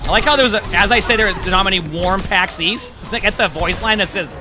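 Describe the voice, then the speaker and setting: A quick-talking man with a fairly high voice chats to his stream audience over livestream headset audio. He rambles, fills the gaps with "like", and restarts his sentences. Game music plays clearly behind him. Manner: rambling, filler-heavy, frequent restarts. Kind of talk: casual chat to stream viewers while gaming.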